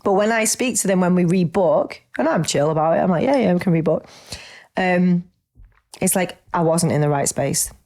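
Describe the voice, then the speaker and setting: A middle-aged woman chats about coaching clients. She talks in an animated, familiar way, often calling people babe. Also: lowish voice, moderate pace. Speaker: business coach. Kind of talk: casual podcast chat.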